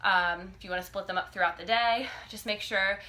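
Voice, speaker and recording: A woman in her thirties giving a casual, halting exercise demonstration as a fitness coach, often checking in as she instructs. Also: mid-range voice, steady tone, bright, forceful tone. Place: living room, indoors. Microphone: phone or camera a few feet away. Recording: noisy home video, phone mic.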